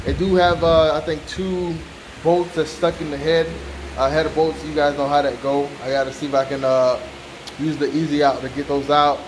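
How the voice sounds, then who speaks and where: An American man talks casually to his viewers as host of a car-build vlog. His voice sits slightly high for a man. There is some fan noise behind him, as in a working garage. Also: a little mellow, low-quality recording. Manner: informal, repeats "you know what I'm saying". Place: hot car workshop with fan running.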